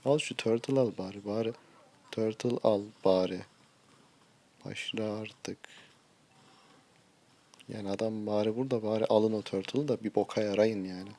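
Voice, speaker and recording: Gravelly-voiced man ranting over a game. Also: fairly low pitch, fairly even intonation, moderate pace, long pauses, mellow. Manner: short-tempered, ranting at teammates. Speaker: mobile game streamer. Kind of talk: live gameplay commentary.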